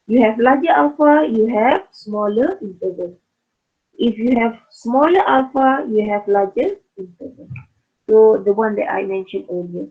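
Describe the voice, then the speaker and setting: A woman statistics lecturer talks through her slides in an online class, slow and halting, with frequent fillers. Her voice is fairly high but gravelly, worn from losing it. The sound is thin and phone-like. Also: animated. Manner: halting, restarts phrases with many uh fillers.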